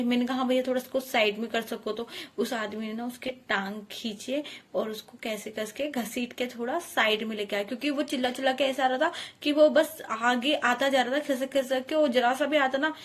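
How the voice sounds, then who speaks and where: A woman's voice: a little high, a little hiss or hum. Earnest chatty woman vlogger. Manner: earnest, chatty, addresses viewers as guys. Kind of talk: casual storytelling to camera.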